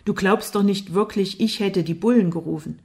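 A woman voicing a blind young man who talks in a steady, measured way, in an audiobook. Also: mid-range voice, natural voice. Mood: restrained.

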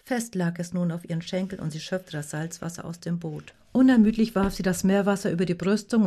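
Woman narrator, low voice, dark mellow tone, measured audiobook reading. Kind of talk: scripted story narration.

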